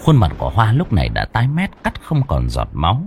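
A man telling a ghost story in dramatic, drawn-out scripted narration. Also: lowish voice, huge pitch swings, vocal fry, slight background noise.

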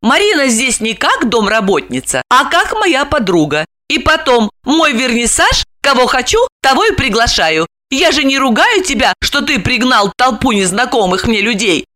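Brief: a woman as a vain, sharp-tongued young wife, very high and lively, full of airs. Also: moderate pace, hardly any pauses. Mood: haughty, irritable. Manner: haughty, irritable, lively.

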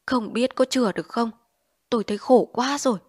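A woman's voice: a little high, brisk, lightly acted. A woman reading an audiobook, voicing a desperate male opium addict in withdrawal who whines and begs. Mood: whining. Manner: whining, pleading, frantic.

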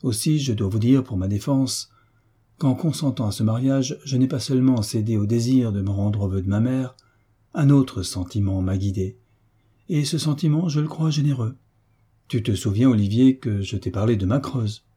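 A man's voice: medium pitch, moderate pace, dark tone, slightly rough, lightly acted. A man reading as a troubled young duke. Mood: earnest. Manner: hesitant, earnest.

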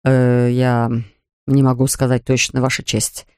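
A reader voicing a nervous male lawyer who speaks low and hesitantly. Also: completely flat delivery, a little slow, a little mellow, clear, resonant tone, no room sound, clean studio sound, natural voice. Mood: flustered.

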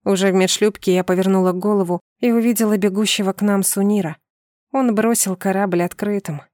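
A woman narrating an audiobook in the first person with lively, expressive storytelling. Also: medium pitch, brisk, no room sound, clean studio sound.

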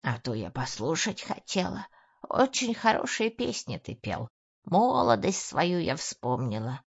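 A woman voicing an elderly woman who mumbles toothlessly in a soft, slow, quiet way. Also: sits low, big pitch swings, creaky, breathy edge, no echo, exaggerated voice. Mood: fond, wistful. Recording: dull lo-fi audio.

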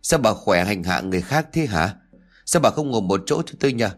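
A man voicing a resentful young daughter-in-law who scolds in quick, shrill bursts. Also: animated, soft background music. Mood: furious.

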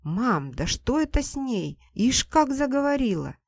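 A woman's voice: high voice, very animated, unhurried, no echo, voice pushed up, full character voice. Brief: woman voicing a mocking older sister, sneering and reproachful, dry sound.

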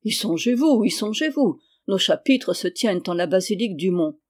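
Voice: medium pitch, animated, moderate pace, lightly acted. A reader voicing a sly medieval king. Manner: protesting, wheedling, turns curt. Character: scheming medieval French king, sly and irritable. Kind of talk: audiobook character reading.

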